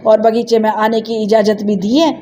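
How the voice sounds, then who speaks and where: A woman's voice: medium pitch, level tone, moderate pace, dark tone, a little hiss or hum, natural voice. A woman voicing a playful, headstrong teenage village girl who talks in a coaxing, cheeky way. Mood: eager.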